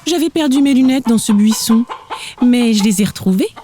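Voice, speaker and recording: A woman voicing a brisk, kindly little hen schoolteacher in a children's storybook. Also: on the high side, lively intonation, background noise, pitched above the performer's own voice, close to an everyday voice. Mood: cheerful. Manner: cheerful, brisk.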